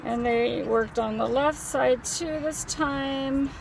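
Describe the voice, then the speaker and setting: A woman vlogging casually, weak, groggy and in pain after surgery, speaking in a halting, drawn-out way. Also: high voice, vocal fry, slight background noise, low-quality recording. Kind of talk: casual vlog chat.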